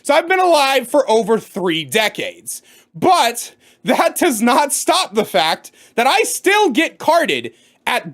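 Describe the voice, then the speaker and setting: Man, 30s, comedic storyteller, lively pitch, crude, loud bursts. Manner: animated, swings to loud outbursts. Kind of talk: profane comedic storytime rant.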